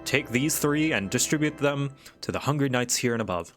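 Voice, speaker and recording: A man's voice: mid-range voice, animated, normal speed, a bit bright, soft background music, lightly acted. A man voicing courteous, weary fantasy knights and camp folk, reading game dialogue in formal, old-fashioned phrasing. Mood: courteous, wry. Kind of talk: read-aloud game dialogue.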